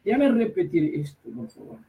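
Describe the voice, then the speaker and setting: A man preaching a sermon online, reading scripture aloud in halting pieces and emphatically challenging listeners to check their own Bibles. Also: fairly high pitch, big pitch swings, creaky, far from the mic, phone-quality sound. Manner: reads scripture aloud slowly with halting pauses.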